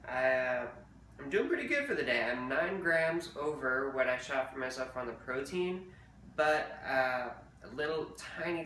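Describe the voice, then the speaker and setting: Man, casual diet vlogger, rambling and chatty, bright edge, roomy distant sound with faint ambience. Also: mid-range voice, slight background noise. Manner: rambling, chatty, fillers and restarts. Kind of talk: casual diet update vlog.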